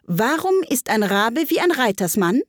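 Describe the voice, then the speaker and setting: A woman's voice: fairly high pitch, big pitch swings, measured pace, no room sound, studio quality, pitched above the performer's own voice. A woman voicing a restless, peevish male hatter in a storybook reading, with a clipped, contrary delivery.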